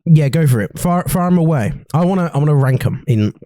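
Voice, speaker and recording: A man's voice: a little high, expressive, brisk, mellow, dry recording, studio quality. A young man co-hosting a podcast, teasing and swearing in casual banter. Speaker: podcast co-host. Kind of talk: casual chat.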